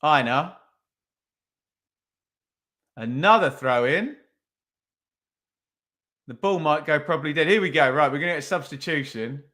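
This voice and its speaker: A man's voice: fairly high pitch, unhurried, pauses often, bright, forceful tone. A man hosting a podcast, giving casual live watch-along commentary on a football match, chatty and thinking aloud with tag questions. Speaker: podcast host.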